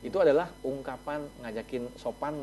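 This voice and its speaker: A man speaks as a talk show guest in a TV studio and explains things patiently through examples. His speech is dotted with hesitant fillers, and his voice sits at an ordinary middle pitch. A faint hum runs underneath. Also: brisk, mellow. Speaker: talk show guest, English course representative.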